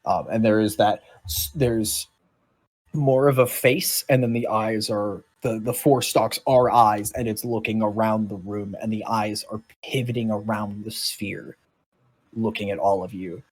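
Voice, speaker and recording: Brief: man with a husky voice narrating a game loosely and casually. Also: on the low side, steady tone, a little slow. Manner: casual and rambling, with many restarts. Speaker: dungeon master.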